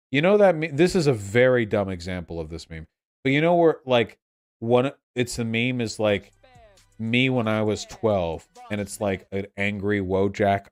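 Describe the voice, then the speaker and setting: A young man with a fairly low voice talks off the cuff to a livestream audience. He sounds drunk and rambles, circling back and restarting phrases as he explains himself. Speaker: livestream host answering chat. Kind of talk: casual rambling livestream talk.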